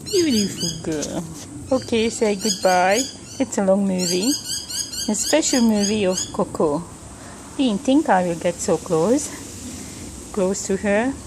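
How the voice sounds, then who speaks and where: A woman's voice: medium pitch, lively intonation, slow pace. A woman filming her cat in the back yard, talking to it fondly and cooing at it in a casual way. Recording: loud outdoor background noise.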